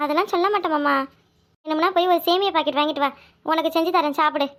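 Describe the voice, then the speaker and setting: Woman voicing a hopeful young wife, very high. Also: fast, a bit bright. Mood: earnest. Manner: earnest, hopeful. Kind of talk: cartoon voice acting.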